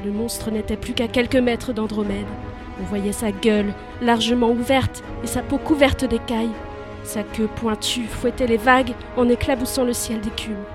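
A woman's voice: a little high, steady tone, normal speed, over music. A woman storyteller giving scripted narration of a myth for young listeners, vivid and lifting with the action.

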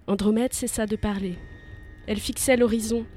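A woman's voice: fairly high pitch, fairly even intonation, normal speed, warm tone, a little hiss or hum. Woman storyteller, vivid narration. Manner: vivid, rising with the action. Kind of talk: scripted narration.

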